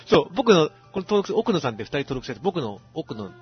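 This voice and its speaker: A man's voice: a little high, big pitch swings, quick pace. A man hosting a podcast, chatting casually and demonstrating things as he talks. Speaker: podcast host. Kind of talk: casual chat. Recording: lo-fi podcast audio with faint music.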